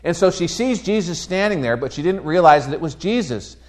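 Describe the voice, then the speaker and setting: Animated conversational male pastor. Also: a little high, a little fast. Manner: conversational, animated storytelling with quoted voices. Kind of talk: sermon. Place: church sanctuary.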